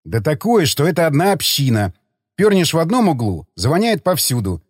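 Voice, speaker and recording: A man's voice: on the high side, sing-song, husky, no echo, studio quality, big-room sound. A man doing a firm, level-headed leader. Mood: measured. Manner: measured, reasoning, firm.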